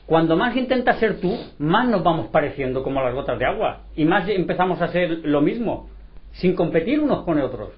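A man, a street sweeper, talking in a casual group discussion and telling animated stories, acting out the dialogue. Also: fairly high pitch, normal speed. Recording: lo-fi recording.

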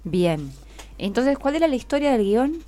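Hosting a radio interview with schoolchildren, this Rioplatense Argentine woman speaks in a warm, sing-song voice on the high side, at a moderate pace. Faint music plays behind her in the studio as she encourages the children with brief questions and affirmations, keeping it conversational.

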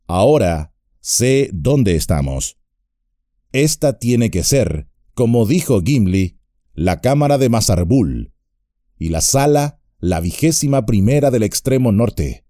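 A grave old wizard speaks with solemn weight in a storybook reading, as a man puts him on. His delivery swings widely in pitch over a mellow, warm tone. The sound is close and dry. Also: expressive, dry recording. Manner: solemn, measured speech that turns urgent.

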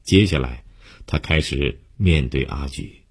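Slow low-voiced guy telling a story, really husky and gravelly. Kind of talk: storytelling narration.

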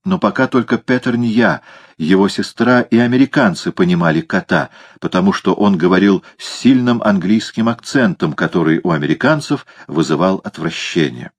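Man, audiobook narrator, low husky voice, measured dry storytelling, scripted reading. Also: animated.

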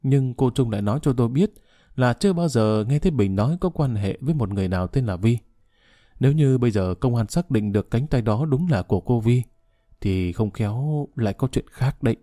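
A man voicing a calm, formal middle-aged lawyer speaking in a measured way. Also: mid-range voice, dry recording, clean studio sound, natural voice.

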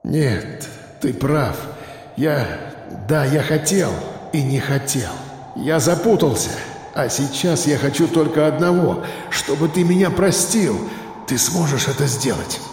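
A man doing a guilty old ex-colonel for an audiobook, soft, pleading voice, mellow tone, faint hiss behind. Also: medium pitch, lively intonation, measured pace. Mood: remorseful. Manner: quiet, subdued, pleading. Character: weary old male retired police colonel, remorseful. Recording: roomy reverb, faint noise.

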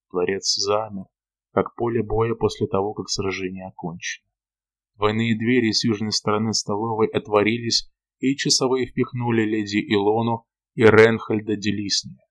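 A man narrating a dark fantasy audiobook in the first person, calm and measured with dramatic pauses. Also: lowish voice.

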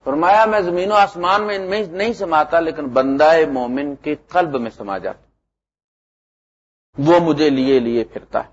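A middle-aged man preaches with a fairly high, husky voice. He is animated, pushing lines out loud and then dropping low. The recording is muffled and lo-fi. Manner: animated, swings between loud emphasis and low asides. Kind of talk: sermon.

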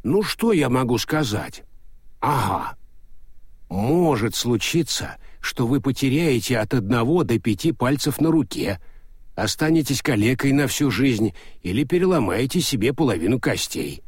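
A man voicing a fussy, nervous old male postman with a wheezy, hoarse whisper and a very formal way of talking. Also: medium pitch, sing-song, a little slow, no echo, clean studio sound, pitched above the performer's own voice. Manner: formal, ends sentences with "sir". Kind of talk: audiobook character voicing.

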